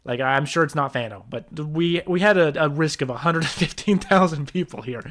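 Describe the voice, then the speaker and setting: A man's voice: fairly high pitch, a little fast, fairly bright tone. A man reacting to a video about himself, rebutting it point by point in a defensive, exasperated way and often restarting his sentences. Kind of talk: reaction commentary.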